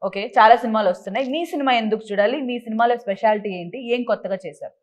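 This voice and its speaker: Fast teasing woman game show host. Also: mid-range voice. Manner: teasing, bossy, mixes English words in. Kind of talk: playful quiz hosting.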